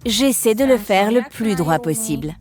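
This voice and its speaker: A woman's voice: medium pitch, expressive, moderate pace, darkish tone. A woman nail instructor explaining a technique step by step in a chatty, instructional way. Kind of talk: instructional demo chat. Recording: music playing behind.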